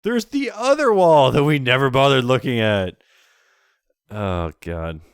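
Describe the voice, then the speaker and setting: A man's voice: mid-range voice, a little slow, clear, resonant tone, no room sound, clean studio sound. A man playing a game on stream, reading its text aloud and joking with a friend in casual commentary. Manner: reads game text aloud with playful, lively delivery. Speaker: channel host playing the game.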